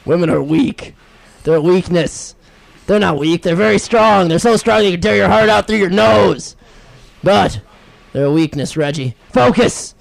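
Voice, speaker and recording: A man's voice: high voice, normal speed, creaky, dry recording, rough recording. A man playing a blunt, bossy swim coach who barks orders, in a comedy sketch. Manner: barking orders.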